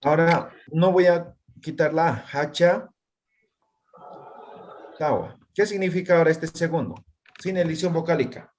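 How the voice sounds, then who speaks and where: A man teaching languages online keeps quizzing his class and checking with tag questions whether they follow. His fairly high voice is a little mellow, a bit slow, and full of pauses.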